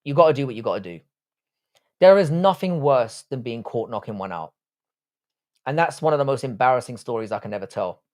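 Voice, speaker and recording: Expressive and fairly quick, his mid-range voice has a slightly mellow tone. The speaker is a livestream host in his thirties with London English, originally Irish and raised in southwest London, who tackles viewers' comments with crude, blunt jokes.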